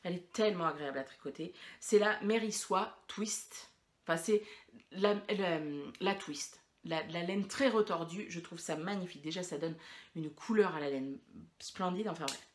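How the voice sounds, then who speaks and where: A woman's voice: lowish voice, moderate pace. A woman hosting a knitting podcast, chatting casually and rambling with many fillers and restarts. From France. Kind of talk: casual chat to camera.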